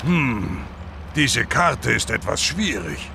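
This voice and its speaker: A man's voice: mid-range voice, sing-song, slow pace, creaky, full character voice. A man voicing an easygoing, breezily confident, bumbling daddy pig in a children's cartoon. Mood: puzzled. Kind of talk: cartoon voice acting.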